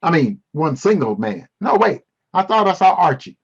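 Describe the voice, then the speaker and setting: A high-voiced man with a husky edge leads a casual Bible class on a video call. He teases his students and reacts to the chat, and the call audio sounds dull and lo-fi. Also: sing-song, normal speed. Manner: playful, teasing, responds to chat. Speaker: Bible study teacher.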